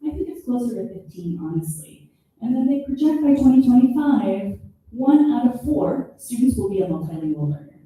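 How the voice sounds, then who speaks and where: A woman presenting her research at an academic conference. She speaks in a measured, explanatory way and draws out key terms. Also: a little high, very animated, warm tone. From born in Peru, raised in the United States. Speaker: special education professor presenting research. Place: conference hall. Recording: echoey room, voice distant from the mic.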